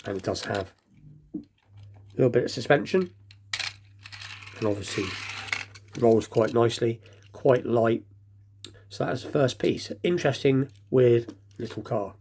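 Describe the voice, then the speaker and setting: A man's voice: medium pitch, moderate pace, long pauses, a little mellow, slight background noise. A man hosting a casual collector's show-and-tell, rambling and understated, lisping slightly as if he has just bitten his tongue. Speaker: host of a diecast toy collecting show.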